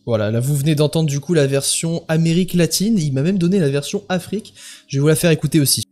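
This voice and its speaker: A man's voice: fairly high pitch, fast, a little mellow, faint music behind. A young man hosting a live stream in casual chat, joking and swearing lightly. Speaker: host.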